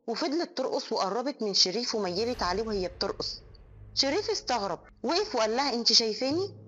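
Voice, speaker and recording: A woman with an Egyptian accent narrating a horror story in a brisk, suspenseful storytelling manner. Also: a little high, bright, forceful tone, husky. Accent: Egyptian Arabic. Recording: dull lo-fi audio. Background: faint music.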